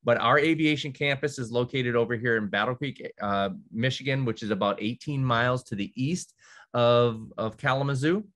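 A man's voice: mid-range voice, normal speed, fairly bright tone. A man representing a college, giving a conversational virtual presentation to counselors, with many fillers and restarts and the odd dry sarcastic aside. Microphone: video call.

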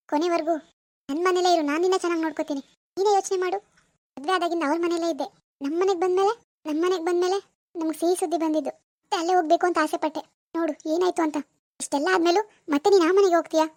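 A woman voicing a bossy, scornful middle-aged mother in an animated village drama. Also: very high voice, no room sound. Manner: bossy, contemptuous.

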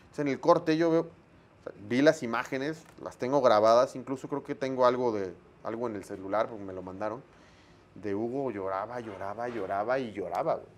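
Mexican man telling animated stories. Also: mid-range voice, brisk. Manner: animated anecdote-telling, frequent slang, acts out dialogue. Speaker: sports broadcaster, interview guest. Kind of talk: casual storytelling interview.

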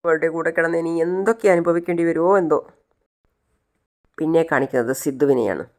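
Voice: medium pitch, brisk, a little mellow. A storyteller casually retelling the plot of a TV serial, humming and using fillers between scenes. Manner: conversational, with hums and fillers.

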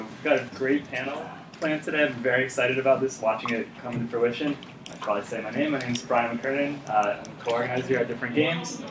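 A man in his thirties moderating a conference panel, upbeat and dropping frequent "uh" fillers as he introduces the speakers. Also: medium pitch. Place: conference room. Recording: roomy, distant mic with background noise.

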